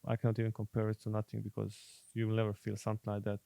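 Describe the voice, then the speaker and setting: A young Croatian man speaks English with a Croatian accent, stopping and repeating words as he hunts for them. His low, gravelly voice stays flat and even. The sound is dry and close to the mic. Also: no room sound. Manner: halting, repeats words while searching for English. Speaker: guest footballer. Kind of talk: casual podcast chat.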